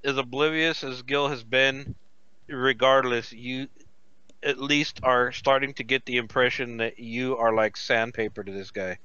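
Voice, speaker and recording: A man running a tabletop game as game master, describing scenes in an unhurried way with many fillers. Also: medium pitch, fairly even intonation, sharp tone, smooth, no room sound, muffled recording.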